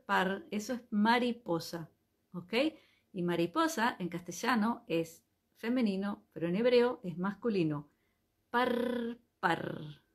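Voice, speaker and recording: A woman teaching a live online Hebrew class, speaking patiently and spelling each word out letter by letter. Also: mid-range voice.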